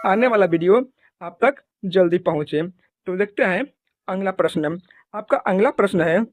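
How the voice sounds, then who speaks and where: An exam prep teacher reads quiz questions, answer options and correct answers methodically, using repetitive set phrasing in an instructional style. The voice is medium-pitched with no room sound.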